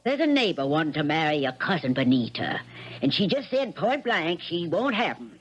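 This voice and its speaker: An actress playing a plain-spoken older country aunt with a rural American accent and folksy manner, in a 1970s radio drama. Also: female voice, low voice, very animated, normal speed, breathy edge, exaggerated voice. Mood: concerned, matter-of-fact. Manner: folksy, matter-of-fact. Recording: dull vintage radio recording.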